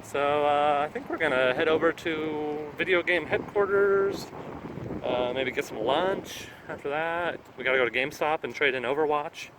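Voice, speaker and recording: A man's voice: a little high, normal speed. A man chatting casually as he vlogs out and about around shops and a mall, often checking in with a companion. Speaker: video game collecting vlogger. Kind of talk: casual vlog chat. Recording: noisy on-location vlog, traffic and ambience.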